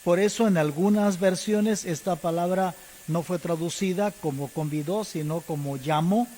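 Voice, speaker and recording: A Mexican man preaching a sermon to his congregation, speaking deliberately, spelling out words letter by letter and calling his listeners brothers and church. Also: sits high, warm tone. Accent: Mexican Spanish. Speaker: pastor. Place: church service. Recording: distant hall reverb with faint hiss.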